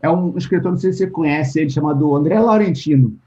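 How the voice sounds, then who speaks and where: A Brazilian man with a fairly high, warm voice talks quickly as a writer in a relaxed interview. He thinks out loud, keeps restarting his sentences, and acts out what people said to him. The audio is dull, lo-fi call quality.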